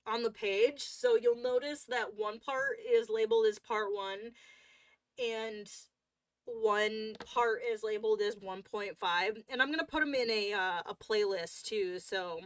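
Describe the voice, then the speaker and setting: A woman's voice: medium pitch, no room sound. A woman hosting a coloring livestream, chatting casually and rambling with lots of fillers and restarts.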